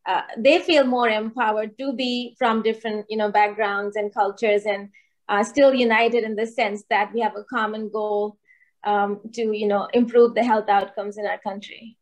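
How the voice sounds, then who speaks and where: A woman who is a dental faculty panelist, speaking softly on a video call and often pausing with fillers. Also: medium pitch, steady tone. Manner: soft-spoken, many fillers like um and you know. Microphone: laptop webcam on video call.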